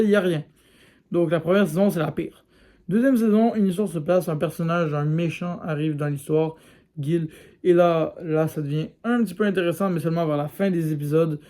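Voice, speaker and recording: Chatty man, slightly high voice. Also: mellow. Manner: frank, addresses viewers directly as "les gars", lots of fillers. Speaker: YouTuber reviewing a series. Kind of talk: casual video review.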